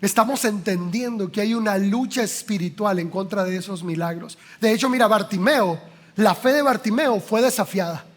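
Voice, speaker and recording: Mexican pastor guy, really high voice, lively sermon, keeps asking the crowd stuff. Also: moderate pace. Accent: Mexican Spanish. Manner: lively preaching, acts out quotes with playful voices and rhetorical questions.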